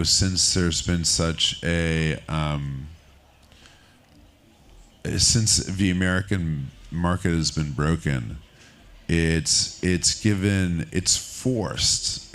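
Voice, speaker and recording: Deep-voiced man, candid festival stage chat. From France. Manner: relaxed, candid, talks in loose rambling bursts. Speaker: film finance executive, keynote guest. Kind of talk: onstage conversation. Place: stage at a film festival market.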